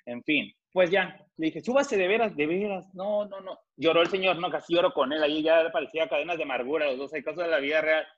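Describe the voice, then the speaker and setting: A man with a Mexican Spanish accent telling an animated, emphatic story as an interview guest over a video call, mixing in English phrases. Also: on the high side, fast talker, hardly any pauses. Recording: muffled video-call audio.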